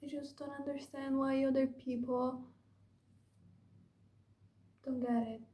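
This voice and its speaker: A woman's voice: high-pitched, little pitch movement, slow, warm tone. A young woman vlogging casually to camera, rambling and gushing with lots of fillers. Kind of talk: casual confessional vlog. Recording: echoey room.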